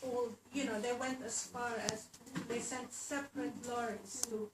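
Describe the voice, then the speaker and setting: A woman's voice: a little high, level tone, measured pace, noisy background. A woman in the audience asking pressing, insistent questions. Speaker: audience member. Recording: echoey hall, voice from far off.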